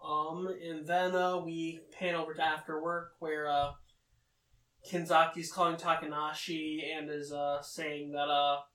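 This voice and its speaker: A man casually summarizing a manga story, talking haltingly with many fillers. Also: on the high side, level tone, sharp tone. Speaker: manga recap commentator. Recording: roomy, distant mic.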